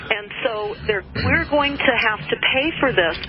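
Woman, radio guest, alarmed conspiracy talk, halting, earnest, muffled phone-in sound, faint noise. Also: a little high, expressive. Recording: dull phone-in audio with noise.

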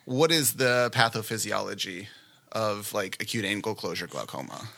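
A man talking through exam feedback in a relaxed, chatty way, reaching for simple everyday comparisons to explain things. His voice is bright but set fairly low, with a gravelly texture underneath. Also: moderate pace. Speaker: exam practice examiner. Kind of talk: casual teaching and feedback.

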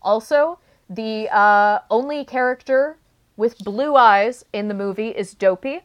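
A woman's voice: a little high, measured pace, muffled recording. A woman co-hosting a podcast, chatting casually and laughing now and then as she talks. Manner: chatty, laughs while talking. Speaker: podcast co-host.

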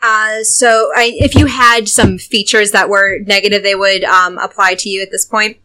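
A woman's voice: medium pitch, steady tone, moderate pace, pushed and bright, poor audio. A woman running a tabletop game, explaining rules with some hesitation. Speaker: game master.

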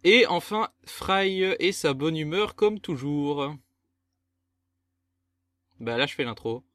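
A man's voice: fairly high pitch, expressive, slow pace, fairly bright tone, no room sound. A man hosting a gaming podcast, chatting casually and teasing his co-hosts with exasperated banter. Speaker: podcast host. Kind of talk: casual chat.

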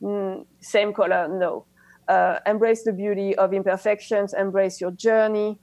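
A native French speaker with a French accent, this woman is a guest in a casual interview about coaching, sounding enthusiastic but halting, with many restarts. Her mid-range voice is steady and darkish, recorded without echo.

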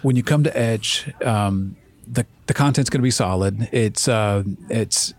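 A man's voice: on the low side, unhurried, a little mellow, no echo. Earnest male kids ministry leader. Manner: earnest, anecdotal, with many fillers and restarts. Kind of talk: conversational interview.

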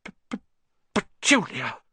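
A man's voice: medium pitch, wildly swooping pitch, a little slow, sharp tone, breathy edge, pitched above the performer's own voice, heavily acted. A man acting out a blustering, bullying middle-aged uncle who sneers, barks and splutters in an audiobook story. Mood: panicked, muttering.

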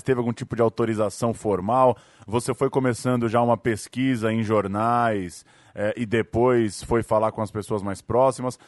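A man's voice: mid-range voice, darkish tone, dry recording, clean studio sound. A male host asking the guest long, inviting questions. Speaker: interviewer, host. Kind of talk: interview questions.

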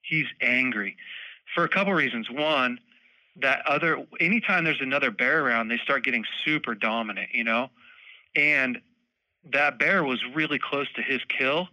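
A young man telling a story in a casual chat, animated, laughing often and acting out moments. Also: mid-range voice, moderate pace, no room sound, rough recording. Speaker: podcast guest, bowhunter.

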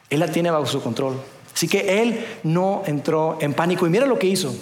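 A pastor preaches a sermon, telling the story playfully with dramatic pauses. His voice sits high, and it echoes in a roomy space.

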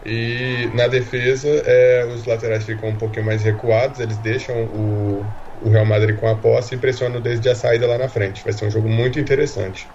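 A man's voice: medium pitch, steady tone, normal speed, hardly any pauses, a little mellow. A man with a Brazilian accent giving tactical football analysis as a commentary-team analyst. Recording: dull lo-fi audio with faint noise.

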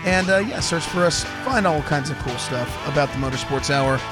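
His voice runs on the high side and fairly quick, with loud music behind it. Hoarse with laryngitis, he hosts a casual college radio show about motorsport on a studio microphone, rambling and repeatedly restarting sentences.

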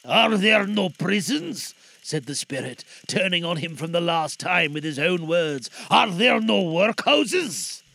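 A man's voice: sits high, lively intonation, a little slow, creaky, few pauses, sharp tone, no echo, heavily acted. A man voicing a stern, solemn Christmas spirit. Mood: scornful. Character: sorrowful aging male Christmas spirit, stern.

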